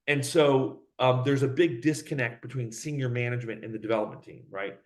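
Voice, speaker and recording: A company CEO appears as an interview guest, a man with a medium-pitched voice who talks fast and animatedly. While telling his stories, he acts out the voices of the people in them.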